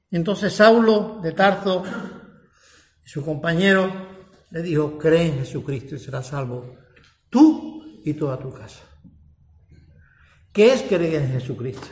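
A man preaching a sermon, asking rhetorical questions and swinging between loud and soft. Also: fairly high pitch, echoey room.

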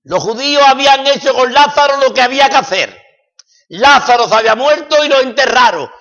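A man from preaching a sermon, swinging dramatically between loud declarations and hushed passages. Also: very high voice, animated, brisk. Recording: echoey hall, dull lo-fi sound.

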